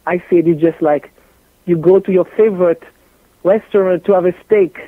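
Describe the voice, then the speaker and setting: A radio guest, a Haitian gynecologist with a French accent, speaks in a lowish voice with fairly even intonation at a normal pace. The sound has no echo but is tinny like a phone line, and her animated talk is blunt, joking and repetitive for emphasis.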